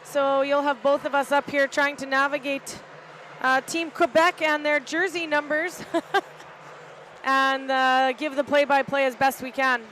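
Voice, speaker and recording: Mom doing live rink commentary up in the balcony, highish voice, lots of uh's, faint arena hum behind. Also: female voice, flat delivery, fairly bright tone, poor audio. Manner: casual, halting, frequent "uh" fillers. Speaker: volunteer play-by-play commentator. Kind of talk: live amateur sports commentary.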